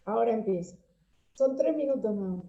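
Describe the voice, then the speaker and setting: A woman teaching an online workshop, unhurried and hesitant, full of fillers. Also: a little high, lively intonation, creaky, music in the background. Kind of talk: online class talk. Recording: dull, echoey room sound.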